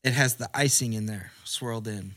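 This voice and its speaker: A man's voice: medium pitch, brisk, a bit bright. A man co-hosting a casual podcast, bantering in slangy, clipped, emphatic remarks. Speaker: podcast co-host.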